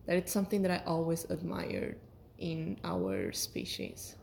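Lower-voiced woman in casual reflective monologue. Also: sing-song, a little slow, gravelly, a little mellow, a little hiss or hum. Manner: hesitant, searching for words, self-correcting. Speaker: solo podcast host.

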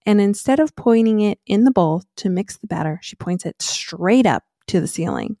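A woman in her thirties hosting a podcast, telling a personal story in an animated way and laughing as she goes. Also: mid-range voice, moderate pace, no room sound, studio quality. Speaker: podcast host.

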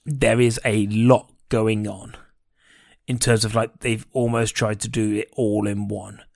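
A man's voice: lowish voice, little pitch movement, measured pace, creaky, a little mellow, no echo, clean studio sound. Chatty laughing man. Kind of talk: casual chat.

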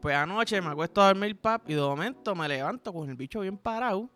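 A man's voice: high-pitched, lively intonation, a little fast, sharp tone, faint music behind. A man with a Puerto Rican accent hosting a podcast, telling crude, playful stories in a rambling, slang-heavy comedic monologue. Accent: Puerto Rican Spanish. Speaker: podcast host.

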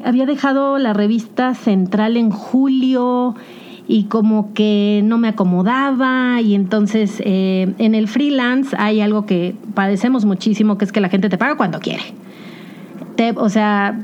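A young woman with a Mexican accent hosting a podcast, telling a personal story in a casual, animated confessional monologue. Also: fairly high pitch, lo-fi sound. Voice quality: chatty, animated storytelling with English slang. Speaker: podcast host.

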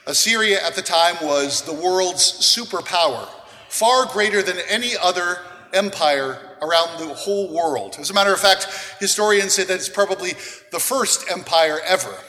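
Male priest, high voice, measured homily, long cathedral echo, big church reverb. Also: sharp tone. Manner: measured, deliberate preaching with pauses. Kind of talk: gospel reading and homily. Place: large church.

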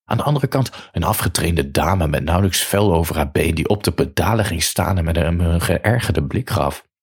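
A man's voice: deep voice, lively intonation, moderate pace, husky. A man narrating a first-person story in a dry, matter-of-fact way.

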